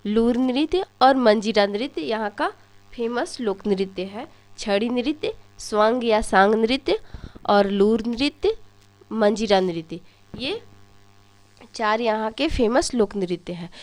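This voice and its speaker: Higher-voiced woman teaching memory tricks. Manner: storytelling, asks questions and answers them herself. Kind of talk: exam-prep lesson with memory tricks.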